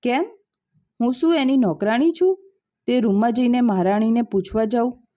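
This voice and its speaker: A bitter, sharp-tongued young daughter from a storybook, as a woman narrator acts her out. Her retorts come out snappish, with a dark tone and a slightly muffled sound. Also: on the high side, normal speed, natural voice. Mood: angry. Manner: angry, snapping.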